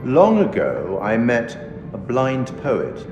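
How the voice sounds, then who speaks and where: Playing an urbane, sinister keeper of tales who narrates a horror game, the actor's mid-range male voice swoops wildly in pitch through a measured, formal, wry and ominous scripted monologue. The mood is wry and confiding. The recording is muffled, with long echoey reverb and orchestral music underneath.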